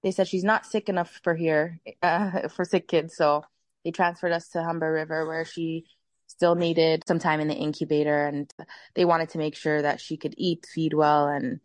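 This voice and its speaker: A woman's voice: deep voice, flat delivery, normal speed, no echo. A woman from Canada, a guest on an interview, recounting events step by step in casual storytelling. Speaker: guest, mother.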